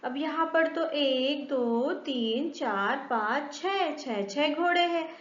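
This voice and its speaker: A woman teaching a children's grammar lesson, asking questions and answering them in a slow, sing-song teacherly way. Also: high voice, a bit bright. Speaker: primary school Hindi teacher. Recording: echoey, slightly dull room sound.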